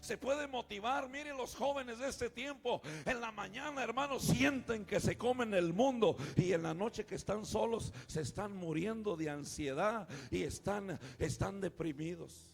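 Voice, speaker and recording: Raspy high-voiced preaching man. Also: measured pace, hardly any pauses. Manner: calls out to the congregation, often says "hermano"; swings from quiet asides to shouting. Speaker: pastor. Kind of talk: sermon.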